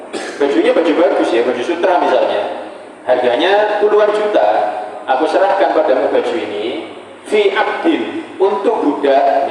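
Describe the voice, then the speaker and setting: A man's voice: mid-range voice, a little mellow. A man teaching Islamic jurisprudence to a class, glossing Arabic phrases in Indonesian and often asking whether the students follow. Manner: explains Arabic text in Indonesian, checks understanding often. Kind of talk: classroom lecture. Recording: echoey hall, distant mic, faint noise.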